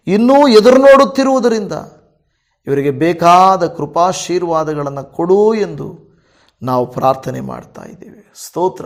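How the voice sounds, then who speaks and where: High-voiced fervent pastor praying. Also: male voice. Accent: Kannada. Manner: fervent pleading, swelling and falling. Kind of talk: spoken prayer.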